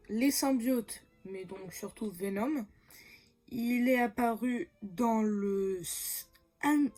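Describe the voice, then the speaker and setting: Chatty, hesitant woman with a slightly high voice. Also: mellow. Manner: hesitant, full of "euh" and self-corrections, laughs often. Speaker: comics YouTuber. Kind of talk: casual comics explainer.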